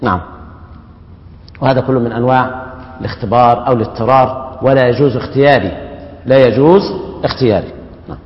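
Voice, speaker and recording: A man with an Egyptian Arabic accent teaching the rules of Quran recitation, explaining slowly and repeating key terms. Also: medium pitch. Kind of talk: classroom lecture on recitation rules. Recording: echoey hall, dull lo-fi sound.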